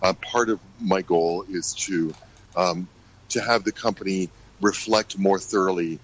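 A middle-aged American man, a ballet director, answering questions in a radio interview, halting with many fillers and restarts. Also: deep voice, steady tone, dull audio, slight background noise. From United States.

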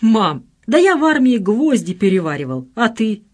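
In an audiobook reading, a woman voices a cheerful young man just home from army service, speaking at normal speed with lively swings in pitch. He sounds eager and coaxing.

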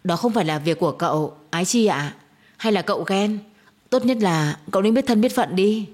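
A cold, manipulative young man, read by a woman narrator, speaking calmly and smugly in an even tone. The husky, breathy voice stays flat and unbothered. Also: mid-range voice, brisk, close to an everyday voice. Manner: calm, smug, flat.

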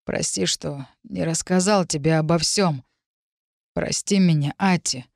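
A woman voicing a badly wounded young man who speaks slowly and haltingly through pain. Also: lowish voice, expressive, creaky, mellow, no echo, studio quality, full character voice. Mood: weak, tender. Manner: slow, strained, halting.

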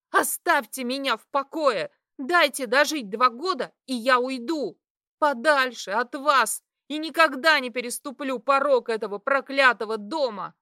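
A woman reading an audiobook, voicing a defiant young art student who shouts back at her parents. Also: lively intonation, measured pace, no room sound, clean studio sound, exaggerated voice. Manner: high, shouting, tearful defiance.

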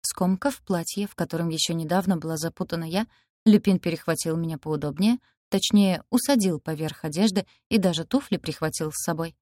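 A woman's voice: on the low side, a little fast, mellow, no echo, clean studio sound. A woman reading a first-person fantasy novel aloud, giving the characters light voice shifts as she narrates. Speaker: audiobook narrator.

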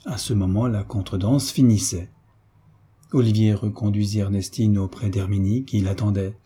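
Dark-voiced male audiobook narrator. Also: on the low side, fairly even intonation, normal speed, husky. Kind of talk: scripted narration of a classic novel.

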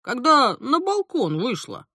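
A tired, stern police major, read by a woman speaks in a gruff, businesslike tone. His bright delivery swings lively up and down, and the sound is close and dry. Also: sits high, unhurried, no room sound, exaggerated voice. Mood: stern official. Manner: gruff, official, sighing.

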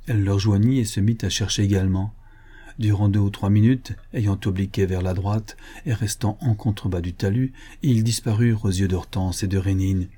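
A man reading a detective story aloud as an audiobook narrator, in a steady read that lifts in pitch for the quoted lines. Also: normal speed, slightly rough.

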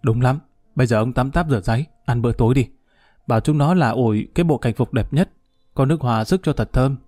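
A man's voice: medium pitch, a little fast, mellow, no echo, studio quality, natural voice. A man doing a hearty police commander. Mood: jovial. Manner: hearty, teasing, laughing. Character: jovial senior male police commander.

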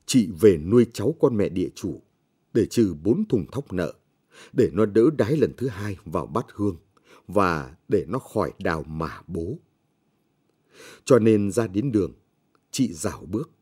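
A man narrating a short story in a slow, measured, somber reading. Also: low-pitched, sing-song, mellow, husky. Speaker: audiobook narrator.

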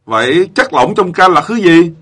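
A man voicing the fathers and drivers in short funny stories, slower than his narration. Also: high voice, expressive, a bit bright. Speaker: character voices in jokes. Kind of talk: acted dialogue in funny stories.

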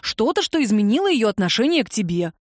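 Female audiobook narrator; a bit high, dry studio sound. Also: big pitch swings, fast talker, dry recording. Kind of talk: scripted narration.

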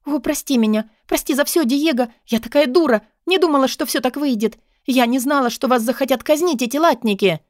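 An impulsive young witch girl pleads and exclaims in a high, eager voice, as a woman narrator puts her on. Her lines come out loud and breathless with hope. The recording is close and dry, like an audiobook. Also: a little fast, hardly any pauses, no echo, close to an everyday voice. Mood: eager pleading. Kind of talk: audiobook character voice.

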